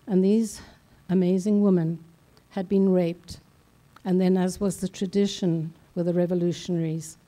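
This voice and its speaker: An older woman from South Africa speaks at a conference in a slow, deliberate way. Her voice is mellow and dark in tone. She leaves measured, solemn pauses between her phrases. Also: on the low side. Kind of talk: slow, deliberate personal speech. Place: large conference hall.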